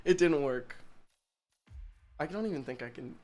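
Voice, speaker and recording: A man streaming from home, chatting casually and jokingly while gaming, rambling between topics and breaking into loud bursts when reading donations. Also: fairly high pitch, expressive, faint music behind. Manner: joking, rambling, quick to laugh.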